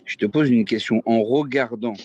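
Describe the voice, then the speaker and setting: A man's voice: mid-range voice, moderate pace, dark tone, no echo, highs cut off. A man in the audience cutting in to ask a question during a lesson. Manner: interjecting from the audience. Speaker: student asking a question.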